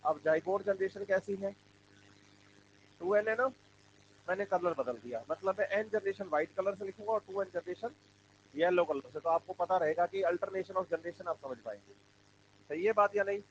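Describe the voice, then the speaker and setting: A male biology teacher with a high voice lectures a class at normal speed, posing questions that students answer back in call-and-response fashion. The classroom recording is dull and lo-fi with a faint hum.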